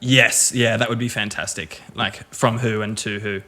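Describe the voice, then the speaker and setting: A man's voice: lowish voice, steady tone, normal speed, sharp tone. A man co-hosting a casual comedy podcast, running through plugs and contact details with dry little asides. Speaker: podcast co-host.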